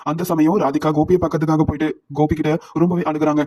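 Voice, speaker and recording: A man recaps a TV serial at a breakneck pace. His voice sits a little high and he runs the characters' lines straight into his narration. It is a steady storytelling delivery. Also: slight background noise. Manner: runs quoted dialogue into narration without pause. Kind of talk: rapid plot retelling of a TV serial.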